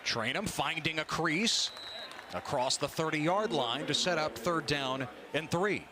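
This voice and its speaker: A man's voice: a little high, unhurried, a crowd in the background. A man calling live football play-by-play in a conversational, explanatory way. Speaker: play-by-play sports commentator. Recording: clear stadium background noise. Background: outdoor stadium ambience.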